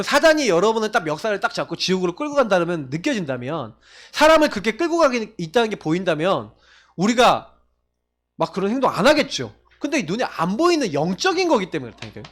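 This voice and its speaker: A male pastor preaching a sermon, emphatic, asking the congregation questions and swinging between loud stressed phrases and low quiet asides. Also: huge pitch swings, fast.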